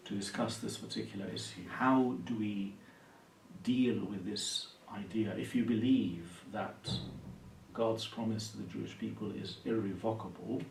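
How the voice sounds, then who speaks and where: In interview answers, a university lecturer and Anglican priest from Palestine speaks slowly and thoughtfully, his low voice gravelly and his pauses often filled. He was picked up from some distance in a reverberant room. A faint hiss runs underneath.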